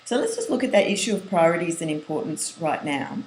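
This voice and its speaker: A woman's voice: fairly low pitch, lively intonation, a little fast. A middle-aged woman, a writing coach, giving a webinar lesson in an earnest manner, listing points and sometimes restarting phrases. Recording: roomy echo, faint hiss.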